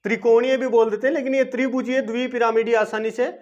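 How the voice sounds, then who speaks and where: Male teacher with a very high voice, self-answering questions, dull lo-fi recording. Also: little pitch movement, quick pace, a little mellow. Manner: asks questions and answers them himself; repetitive, coaxing teaching. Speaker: chemistry teacher. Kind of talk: classroom-style video lesson. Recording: dull lo-fi video lesson recording.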